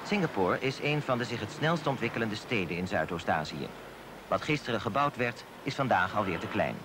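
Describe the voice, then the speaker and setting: Low-voiced man narrating a documentary. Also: lively intonation, noisy background. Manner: measured, formal. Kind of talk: scripted voice-over narration. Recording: voice-over with loud music behind.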